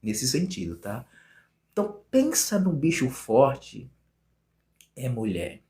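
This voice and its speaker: A man's voice: mid-range voice, sing-song, slow pace, a little mellow. Earnest Bahian man telling his story. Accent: Bahian Portuguese. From Bahia, Brazil. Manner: earnest, repeats phrases for emphasis. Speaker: guest sharing a personal testimony. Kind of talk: emotional personal storytelling.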